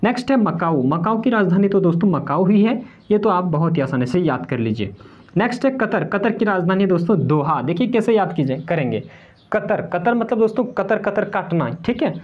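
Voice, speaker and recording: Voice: medium pitch, sing-song, brisk. An online tutor explaining memory tricks for general-knowledge exams, repeating each point and asking questions only to answer them. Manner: repetitive, poses and answers own questions, keeps calling viewers "friends". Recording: slightly dull, lo-fi recording.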